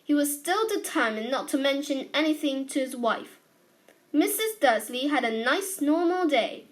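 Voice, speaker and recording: A woman narrating a children's storybook in an expressive reading voice. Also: high voice, normal speed. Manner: expressive, voicing characters. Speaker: audiobook narrator.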